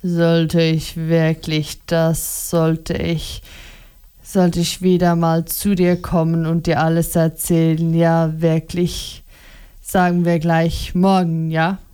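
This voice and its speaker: A woman doing a low, downcast weary man. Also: monotone, mellow, smooth. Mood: dejected. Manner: hesitant, halting, repeating himself. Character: weary middle-aged man, downcast and hesitant. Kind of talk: audiobook reading.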